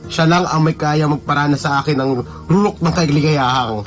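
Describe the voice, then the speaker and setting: A man's voice: on the high side, normal speed. A man narrating a love story in the first person on a radio drama program, with music behind him.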